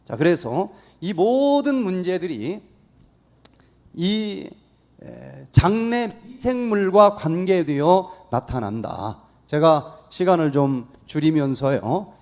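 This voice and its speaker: A man giving a lively, story-filled talk at a church, acting out the voices of the people in his story. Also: a little high, slow pace, creaky. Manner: animated storytelling, acts out quoted voices. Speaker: guest speaker. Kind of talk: church lecture.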